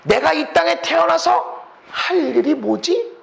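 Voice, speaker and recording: Fiery Korean pastor, high gravelly voice. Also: male voice, expressive, measured pace, dull audio. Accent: Chungcheong Korean. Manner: swings between loud shouted rhetorical questions and hushed near-whispers. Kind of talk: sermon.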